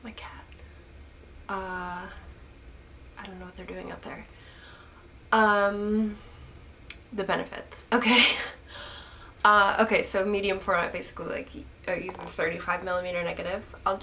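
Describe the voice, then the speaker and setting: A young woman just past an illness answers viewer photography questions in a casual vlog, her stuffy mid-range voice steady, bright and forceful at normal speed with frequent pauses. Her talk rambles with lots of "like" and restarts, captured on the camera's built-in mic with a little hiss or hum.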